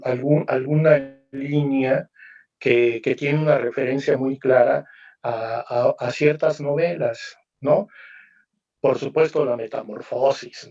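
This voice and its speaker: A man's voice: mid-range voice, darkish tone, distant mic. A man talks over a video call about his writing, taking his time and thinking aloud as he goes. He keeps checking in with little tag questions. The sound is dull and lo-fi, and he sits back from the microphone. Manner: reflective, musing, frequent tag questions. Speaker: novelist guest presenting his book. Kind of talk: literary panel talk.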